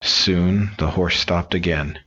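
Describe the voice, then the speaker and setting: A man reading jokes aloud in a relaxed storytelling way. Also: low voice, slow pace, dull audio. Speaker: joke reader.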